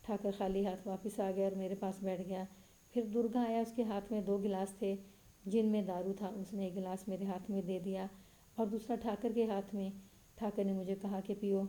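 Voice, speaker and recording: A woman narrating a story in a steady, even reading voice. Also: rough recording. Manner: steady, even reading with little pitch movement.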